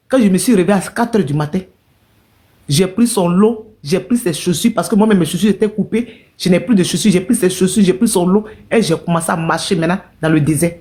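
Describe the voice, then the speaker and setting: A woman's voice: fairly low pitch, dark tone. A woman on a live stream telling her own hard story to her viewers, emotional and repetitive, calling out to people in the chat.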